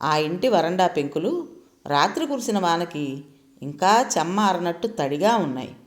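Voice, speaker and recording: A woman storyteller reading a written story aloud in a calm, descriptive way. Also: lowish voice, moderate pace. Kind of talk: scripted story narration.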